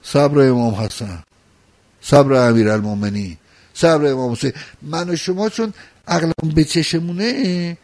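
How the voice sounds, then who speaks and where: A man giving a religious sermon, moving between loud pleading and soft, intimate address to listeners. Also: a little high. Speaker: preacher.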